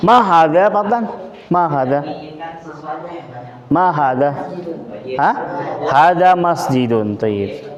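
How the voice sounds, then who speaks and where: A man's voice: fairly high pitch, animated, slow pace, pauses often. Indonesian male teacher quizzing a class. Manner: quizzing pupils, mixing Arabic drill phrases with Indonesian explanations. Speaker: Arabic teacher. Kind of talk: classroom lesson with student drills. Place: boarding school classroom. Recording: roomy classroom with pupils' chatter.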